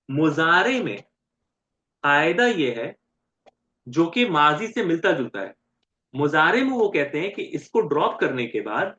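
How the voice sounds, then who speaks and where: A man teaching grammar in a lecture, spelling out syllables slowly and often checking with his students whether they follow. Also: on the high side, fairly bright tone. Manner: keeps checking with "right?" and quizzing students. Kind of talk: classroom lecture. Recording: roomy and dull, lo-fi.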